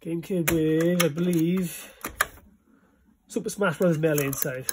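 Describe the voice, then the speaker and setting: A man's voice: a little high, measured pace, noisy background. Chatty Welsh man on a home tour. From Wales. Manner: chatty, rambling with many fillers. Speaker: vlogger giving a room tour. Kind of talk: casual chat. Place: small indoor games room at home. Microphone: phone camera held in hand.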